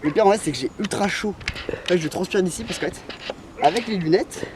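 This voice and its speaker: Outdoors in the sunshine, a man with a high-pitched, brisk voice casually presents his parkour vlog, thinking aloud in fragments as he performs stunts. He is the video's creator and presenter. Loud music plays over his voice, with background noise as well.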